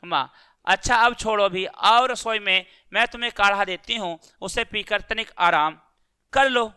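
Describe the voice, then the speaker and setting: A man's voice: high voice, unhurried, sharp tone, clean tone. A male teacher reading a school play aloud, saying each character's name before the line and then explaining it again in plain words.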